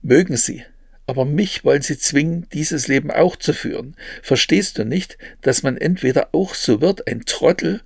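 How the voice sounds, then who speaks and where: A man voicing a rebellious, hot-tempered teenage boy in a read-aloud memoir, with a gravelly voice. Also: on the high side, moderate pace, dry recording, clean studio sound. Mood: scornful.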